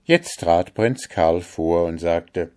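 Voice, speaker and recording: Slow, low-voiced male storyteller. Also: lively intonation, warm tone. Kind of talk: fairy tale reading.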